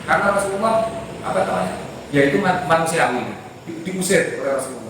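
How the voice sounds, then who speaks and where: A man gives an Islamic sermon, animated and full of rhetorical questions, acting out the dialogue of a story. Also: a little high, fast, noisy background. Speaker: preacher. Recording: echoey hall from far off.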